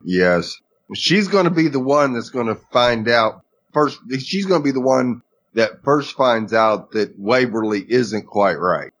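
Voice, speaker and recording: An easygoing man co-hosts a casual podcast recap of a TV episode. His voice sits at an ordinary middle pitch. He laughs along often. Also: animated, unhurried, a bit bright. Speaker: podcast co-host.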